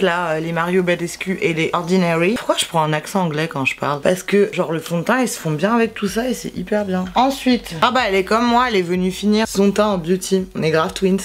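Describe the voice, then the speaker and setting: A young woman, chatting casually and teasingly through a makeup tutorial with lots of slang. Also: fairly low pitch. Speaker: beauty vlogger.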